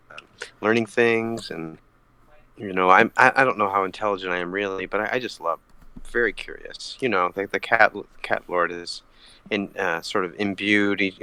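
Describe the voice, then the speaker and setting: A man playing an earnest, awkward, curious lore bard in improvised tabletop role-play, halting and repeating his words. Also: sits low, sharp tone, clear, resonant tone, dry recording, voice pushed down.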